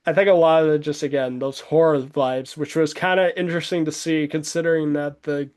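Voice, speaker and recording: A man's voice: on the high side, steady tone, fairly quick, a little mellow. A man chatting casually as co-host, rambling with many fillers and frequent laughs. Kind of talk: casual chat.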